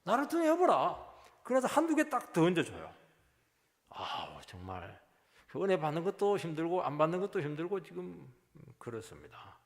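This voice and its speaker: A middle-aged male pastor preaching a sermon, animated and lively, acting out quoted voices with sudden jumps in pitch and loudness. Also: moderate pace. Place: church sanctuary. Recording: long hall reverb.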